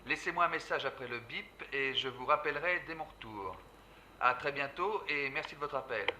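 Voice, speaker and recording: A man's voice: mid-range voice, lively intonation, normal speed. A man's polite, formal recorded answering machine greeting, heard played back over a phone. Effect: answering machine message heard over a phone. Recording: distant, noisy phone playback.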